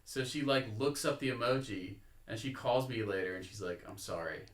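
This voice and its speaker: A man telling a story in a casual podcast chat in a relaxed way, acting out his mom's lines. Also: medium pitch, a little fast. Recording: echoey room with faint background noise.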